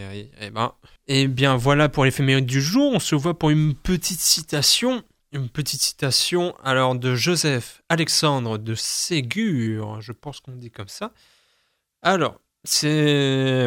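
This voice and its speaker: A man's voice: mid-range voice, fairly bright tone, dry recording. Chatty young man, dry close sound. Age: young adult. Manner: chatty, self-mocking, stumbles over words. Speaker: host. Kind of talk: casual reading of daily almanac.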